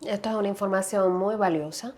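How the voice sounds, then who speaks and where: Woman host, measured, affirming, medium-pitched, interviewing a specialist. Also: crowd noise. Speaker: podcast host. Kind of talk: interview questions.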